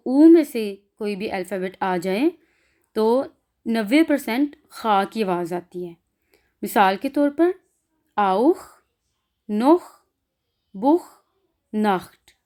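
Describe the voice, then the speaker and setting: A woman's voice: on the high side, expressive, slow pace, a little mellow. A woman with a Pakistani accent teaching a pronunciation lesson, saying example sounds one by one and explaining them in between. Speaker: language teacher.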